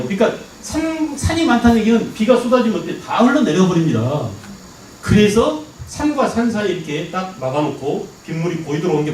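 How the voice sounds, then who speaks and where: A middle-aged male history teacher lectures at a rapid clip, his high voice leaping up and down as he keeps asking whether everyone gets it. He is recorded from a distance in a roomy, echoing hall with a faint hiss underneath. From Jeolla province, Korea. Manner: animated, keeps checking understanding with rhetorical questions. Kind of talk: lively classroom lecture. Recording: echoey hall, mic at a distance.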